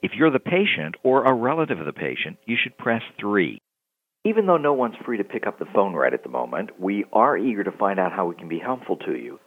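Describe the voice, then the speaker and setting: Give me a lively, low-pitched man as phone menu voice. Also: breathy edge, rough recording. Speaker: voice-over announcer for phone menus. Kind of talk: scripted phone menu voice, recorded greetings.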